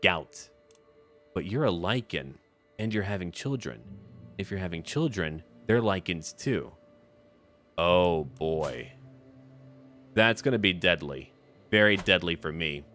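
A gaming video host with a low, animated, fairly bright voice comments casually on a strategy game, staying in character. He takes it slowly, pausing often, and thinks aloud in short remarks as though addressing the characters, with background music playing behind him.

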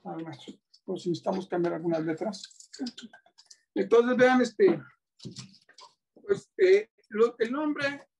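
Mexican man, high-pitched, patient teacher showing classroom materials. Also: expressive, slow pace, vocal fry, long pauses, a little mellow, breathy edge. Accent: Mexican Spanish. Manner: patient, asks many rhetorical checks. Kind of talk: classroom-style demonstration.

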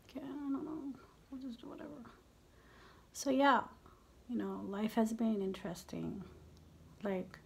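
Doing her makeup while she talks, a beauty vlogger in her fifties chats casually in a slightly high voice with a darkish tone, over a little hiss or hum. She's candid, swears freely, and frequently slips into half-whispered asides.

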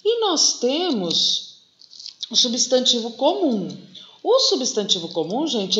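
A Brazilian woman teacher with a Brazilian Portuguese accent, explaining a school lesson patiently and checking often that her students follow. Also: fairly high pitch. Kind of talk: classroom lesson video. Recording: echoey room, slightly dull sound.

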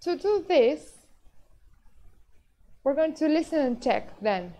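This English teacher has a high, dark voice that moves slowly through wide pitch swings. Over a video call she shifts between Spanish and English, walking her online class through each step with patience and frequent "yes?" prompts. The sound is muffled and low quality.

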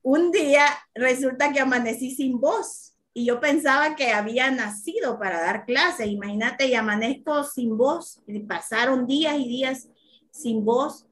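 Central american lady, higher voice, earnest, laughs easy, telling her own story. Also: measured pace, fairly bright tone. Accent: Central American Spanish. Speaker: course teacher and guest. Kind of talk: personal story in conversation.

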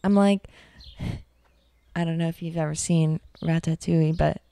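A woman artist and teacher giving a calm, reflective talk over an art demonstration, soft and unhurried with fillers. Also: deep voice, creaky, smooth, dry recording.

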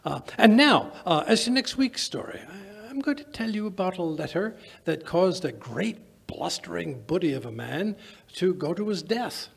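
An older man playing an elderly, genial doctor telling stories in halting, stammering 1940s radio style. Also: sits high, animated, creaky, breathy edge, exaggerated voice. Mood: musing, amused. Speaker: radio play storyteller. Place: small indoor museum studio stage. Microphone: vintage-style stand microphone.

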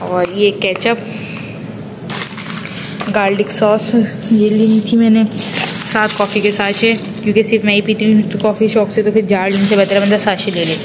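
A woman's voice: mid-range voice, flat delivery, moderate pace, pauses often, background noise. A young woman from Karachi with a Pakistani Urdu accent, chatting casually to viewers as a family vlogger and showing her things one by one. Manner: chatty, addresses viewers directly, shows items one by one. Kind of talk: casual vlog narration.

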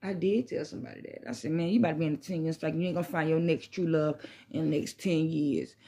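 A woman's voice: sits low, fast talker, dark tone, breathy edge. A woman vlogging casually in a laid-back stoner manner, rambling with slang and swearing and circling back over her phrases. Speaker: vlogger hosting a smoke session. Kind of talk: casual rambling chat to camera. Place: small bedroom, indoors. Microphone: phone propped at arm's length or a little further.

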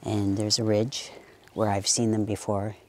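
A man talking easygoing and reflective during an outdoor hike on a country trail, pausing now and then. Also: on the low side, flat delivery, darkish tone. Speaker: nature vlogger. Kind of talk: casual outdoor commentary.

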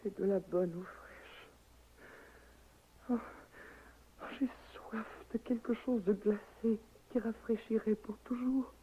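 A woman's voice: high-pitched, lively intonation, takes it slowly, pauses often. An actress playing a dying young wife in a 1960s radio drama, faint and breathless as she drifts into delirium. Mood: delirious. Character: dying young wife Alceste, feverish and tender. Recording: tinny old radio recording, faint hiss.

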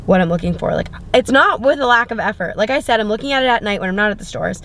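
With lively intonation, a quick pace, and a fairly bright tone, her medium-pitched voice suits the bubbly, filler-heavy shopping chat. The young Florida home decor vlogger gushes about finds while filming on a handheld camera in stores and later from a parked car.

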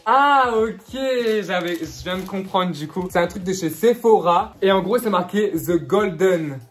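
A young man unboxing gifts in a casual vlog, excitable and gushing, stacking repeated words for emphasis. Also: sits high, normal speed. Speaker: YouTuber.

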